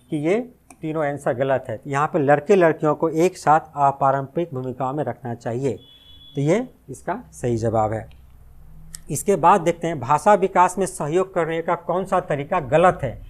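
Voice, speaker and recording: Guy teaching test prep, voice sits a bit high, goes over each option, keeps repeating stuff and asking questions. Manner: explains step by step, repeats key phrases and asks rhetorical questions. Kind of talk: exam-prep lesson.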